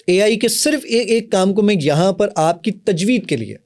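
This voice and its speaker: A man's voice: sits high, lively intonation, darkish tone. A middle-aged man from Pakistan, an app founder, eagerly explaining and demonstrating his work in an interview. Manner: eager, explanatory, often agreeing emphatically. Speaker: app founder and software company owner.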